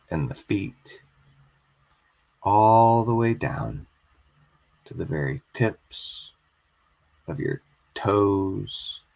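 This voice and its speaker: A man guiding a slow hypnosis induction, soothing and repetitive. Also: sits low, vocal fry, fairly bright tone.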